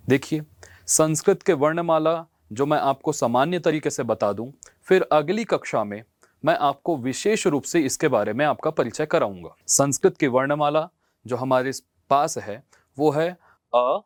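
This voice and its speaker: A male Sanskrit teacher, giving a school lesson and slowly drilling letter sounds for students to repeat. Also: on the high side, no echo, studio quality.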